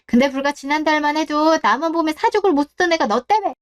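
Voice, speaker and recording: A woman's voice: high voice, lively intonation, fast. Woman doing a sneering teenage girl bully. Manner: sneering, taunting.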